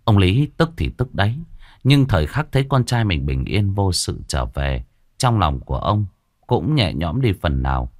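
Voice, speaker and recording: A man's voice: low voice, big pitch swings, moderate pace, dry recording, studio quality. A man narrating a ghost story dramatically.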